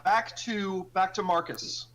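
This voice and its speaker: A man runs a tabletop role-playing game as game master. His voice is high and bright, and he narrates and explains haltingly. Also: steady tone, rough recording.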